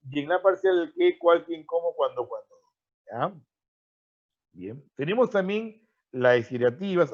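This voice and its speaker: A man with a Peruvian Spanish accent teaching an online pre-university grammar class, explaining with frequent tag questions and repetitions and fondly addressing his students as freshmen. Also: fairly high pitch. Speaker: language teacher. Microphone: video call. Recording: dull lo-fi online-class audio.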